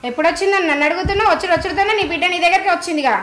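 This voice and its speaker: A woman playing a defensive, quarrelsome village mother, speaking with a Telangana Telugu accent in a sharp, complaining way. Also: very high voice, rapid-fire. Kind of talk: village family drama acting. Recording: echoey room with background music.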